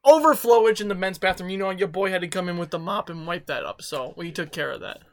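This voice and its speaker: A man's voice: high-pitched, fast talker, no echo. A young man hosting a casual podcast, telling work stories in a rambling way with laughs. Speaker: podcast host. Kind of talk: casual chat.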